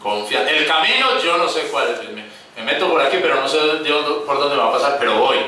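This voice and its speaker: A man's voice: a little high, animated, fairly quick, sharp tone. A man preaching a sermon to his congregation, calling them brothers and acting out the voices in the scripture he tells. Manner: addresses the congregation as brothers, acts out quoted voices. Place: church hall. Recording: echoey room, picked up from a distance.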